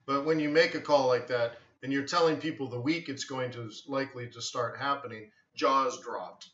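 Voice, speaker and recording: A man's voice: medium pitch, moderate pace. A man hosting a live trading stream, telling rambling stories in casual chat. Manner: rambling, storytelling, animated with acted quotes. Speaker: forex trading livestream host. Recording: roomy, distant, slightly dull sound.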